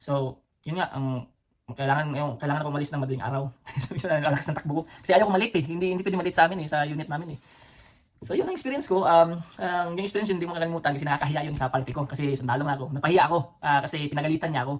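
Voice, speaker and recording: Speaking very fast in a steady tone at a fairly high pitch, a Cebuano-accented Filipino man hosts a casual vlog of stories. As an adult ex-soldier with children, he tends to ramble, with frequent fillers, restarts and chuckles between phrases.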